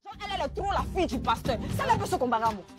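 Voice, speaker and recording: An actress playing Suzy, a brash, vain young woman who hurls rapid mocking insults. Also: high-pitched, lively intonation. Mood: boastful scorn. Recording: TV series clip with music.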